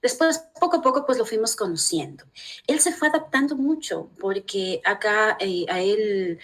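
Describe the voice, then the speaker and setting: A middle-aged woman from Ecuador with an Ecuadorian Spanish accent, telling family stories as an interview guest, warm and full of restarts. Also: medium pitch, normal speed. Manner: warm storytelling with many restarts. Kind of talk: casual interview talk.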